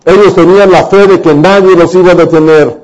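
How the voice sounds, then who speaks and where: A man preaching a sermon, telling Bible stories in an animated way and acting out the voices. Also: sits high, fairly quick, highs cut off.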